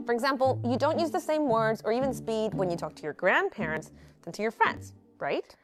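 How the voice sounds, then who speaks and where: A woman narrating a scripted science explainer in a bright, conversational way. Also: fairly high pitch. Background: music.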